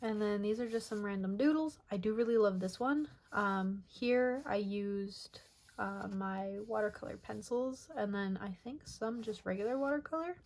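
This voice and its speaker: A young woman casually narrating over her sketchbook pages, soft and rambling with many pauses and filler words. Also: medium pitch. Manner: soft, rambling, many ums and self-corrections. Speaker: artist showing her sketchbook.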